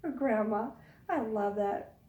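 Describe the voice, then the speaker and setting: Slow and dark-toned despite a fairly high pitch, this woman leads young children through storytime, coaxing them in a sing-song voice and posing questions. The recording is muffled, with a roomy echo from a distant microphone.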